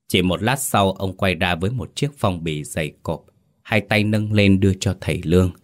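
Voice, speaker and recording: Man, deep voice, scripted horror narration, slow and dramatic. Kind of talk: scripted ghost story narration.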